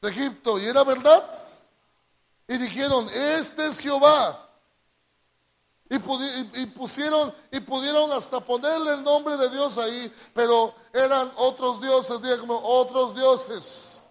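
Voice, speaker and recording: A man's voice: very high voice, fairly even intonation. A man with a Latin American Spanish accent preaching a call-and-response sermon, drawing out key words and prompting the congregation to repeat after him. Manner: drawn-out emphatic delivery, prompts congregation to repeat.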